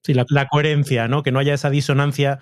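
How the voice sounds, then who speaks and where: Brief: mid-pitched male interviewer, conversational questions, dry close sound. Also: little pitch movement, quick pace, no echo. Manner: conversational, asks follow-up questions.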